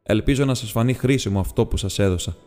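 A man's voice: fairly low pitch, warm tone, natural voice. A man reading the part of a polite, businesslike male hobbit burglar in an audiobook, speaking in a courteous, precise and slightly formal way. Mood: sheepish. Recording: long reverb with faint music.

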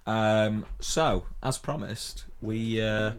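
A man hosting a casual comic interview, talking in a halting, flustered, bantering way. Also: lowish voice, over loud music. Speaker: podcast host and interviewer.

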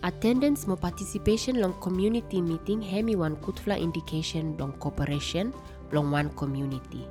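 A woman's voice: fairly low pitch, brisk. A woman with a ni-Vanuatu accent reading scripted narration in Melanesian pidgin. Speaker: podcast narrator. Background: music.

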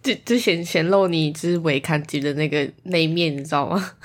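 A woman's voice: low voice, a little fast. A young woman, co-hosting a podcast in casual chat, wry and self-mocking. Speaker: podcast co-host.

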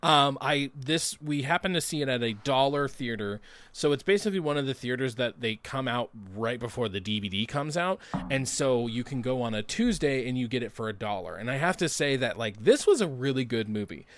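A young adult man co-hosting a casual podcast chat, animated and swearing, with loud bursts of laughter. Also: mid-range voice, a little fast, no echo. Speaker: podcast co-host.

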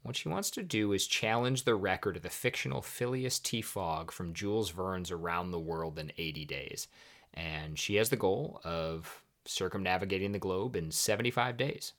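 A man's voice: low-pitched, moderate pace, fairly bright tone. A man hosting a podcast, casually telling a history story with chatty, wry asides. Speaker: podcast host.

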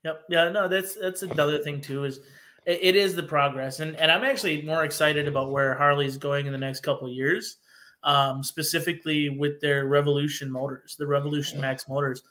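A man from Wisconsin talks as a podcast guest. His voice sits a touch high, and he explains things earnestly and at length, often restarting his sentences. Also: fairly even intonation, fairly quick, sharp tone. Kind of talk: casual podcast chat.

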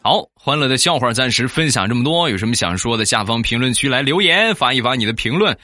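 A man telling funny stories about married life, acting out the quoted people in sudden high bursts. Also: expressive, fast, music in the background. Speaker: joke-telling host. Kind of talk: comic storytelling.

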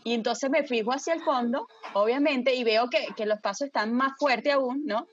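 A woman telling a story casually to friends, dramatic and lively, swearing freely and often checking that her listeners follow. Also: a little high, moderate pace, dull audio, slight background noise.

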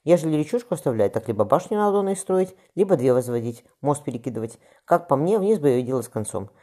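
A man's voice: fairly high pitch, animated, fast talker, dark tone. A man voicing an earnest, capable young apprentice boy who speaks eagerly and respectfully.

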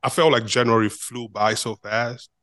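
A man's voice: medium pitch, fairly even intonation, normal speed, fairly bright tone, no room sound. A man hosting a casual interview podcast, talking loosely with many fillers; he came to the United States as an immigrant. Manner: rambling, many fillers like "you know what I mean". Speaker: podcast host.

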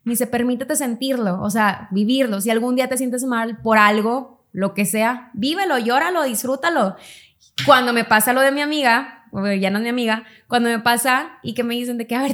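Chatty woman telling a story. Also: fairly bright tone. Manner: storytelling, acts out quoted dialogue in quick higher tones. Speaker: podcast co-host. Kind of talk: casual chat.

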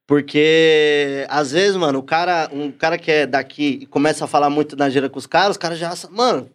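A man's voice: fairly high pitch, fairly quick. A man, interviewing in a casual chat full of street slang.

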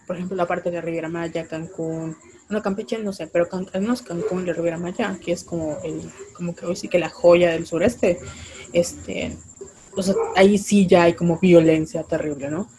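A young woman from Mérida speaks in a relaxed, mellow voice. She co-hosts a casual podcast chat, blunt and impassioned, dropping swear words freely. A faint hiss of noise sits under her voice. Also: fairly low pitch, poor audio. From Mérida, Yucatán, Mexico. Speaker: podcast co-host.

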